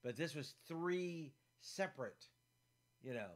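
A man's voice: on the high side, animated, takes it slowly. Man bantering eagerly on a podcast. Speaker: podcast co-host. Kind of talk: casual chat.

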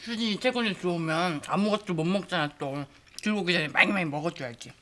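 A woman's voice: on the low side, quick pace, bright, forceful tone, slight background noise. A woman playing a cheeky, scheming young adult daughter in a Korean TV family drama, talking in a casual, familiar way. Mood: casual, probing.

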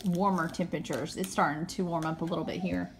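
Speaking fast in a lowish, steady voice over crowd noise, a Tennessee-accented host in her thirties unboxes snacks casually, reading out product blurbs and posing questions.

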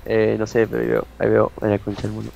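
A man chatting casually as a teammate during a video game, tossing off quick slangy remarks and curses. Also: on the low side, completely flat delivery, gravelly, mellow, soft background music. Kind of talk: casual gaming chat.

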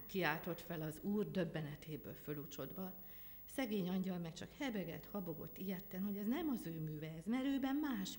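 A woman reading a folk tale aloud at a literary event, with a lively, dramatic delivery. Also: on the low side. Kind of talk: expressive storytelling reading. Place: library event hall. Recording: long hall reverb.

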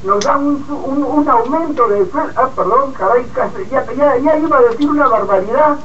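High-voiced 85-year-old male radio caller over a phone. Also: fairly bright tone. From Peru. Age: 80s. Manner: indignant, halting, repeats words. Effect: caller heard over a phone line. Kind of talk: call-in opinion on a talk radio show. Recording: muffled distant phone line with hiss.

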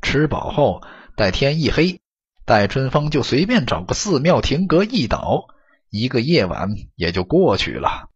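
A man narrating an audiobook story in an expressive, dramatic storytelling manner, on a dull lo-fi recording. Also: mid-range voice, unhurried, slightly rough.

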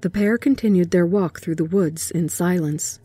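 Mellow, low woman narrating horror. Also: moderate pace, breathy edge, no room sound. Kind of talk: scripted horror story narration.

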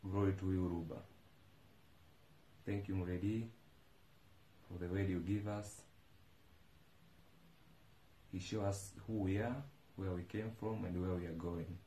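A man's voice: low-pitched, fairly even intonation, moderate pace, long pauses, warm tone, slight background noise. A young Tanzanian man giving a fervent, prayerful testimony with repeated praise, seated in a living room. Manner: fervent, declaring, repetitive praise. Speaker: church member giving testimony. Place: indoors on a sofa in a living room. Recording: echoey room.

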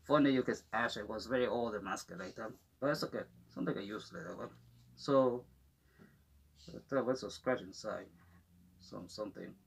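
A man speaking through a gas mask in halting, rambling non-native English, giving casual unboxing commentary as a vlogger. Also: fairly low pitch, creaky, slightly rough.

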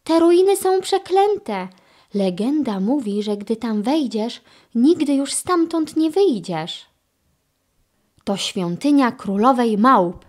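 A woman's voice: a little high, expressive, slow pace, a little mellow. A woman voicing a nervous young boy who fears old legends, speaking in anxious, urgent warnings, for a children's audiobook. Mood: worried.

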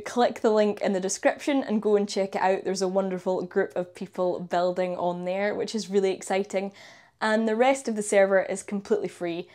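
Clipped with a lapel mic in a small room by a coat rack, a Scottish woman in her twenties hosts an astrophotography channel and chats upbeat about her online community in an enthusiastic vlog and screen walkthrough. Her medium-pitched voice is a little mellow, and she uses local words like wee and yous.

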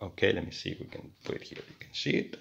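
A man talks quickly and a bit brightly through an electronics repair at his indoor workbench, though the audio is dull. As a hobbyist giving a hands-on tutorial, he stumbles with many fillers and restarts.

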